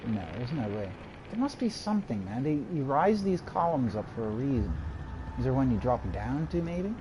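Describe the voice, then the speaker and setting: A man with a mid-range voice gives live commentary on a game he is streaming. He mutters to himself and drifts into rambling anecdotes. Game sounds and background noise sit clearly behind him. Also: mid-range voice, sing-song, moderate pace. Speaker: gaming streamer.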